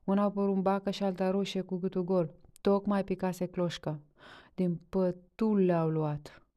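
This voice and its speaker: A woman's voice: mid-range voice, little pitch movement, dark tone, close to an everyday voice. Lady doing a frantic village woman, out of breath and wailing. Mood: distraught. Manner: panting, lamenting.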